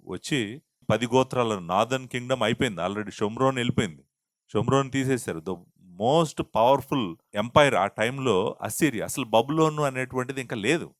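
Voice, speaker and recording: A man's voice: mid-range voice, no room sound. A male pastor preaching an expository sermon, teaching with rhetorical questions and mixing English words into his talk. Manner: mixes English words into Telugu.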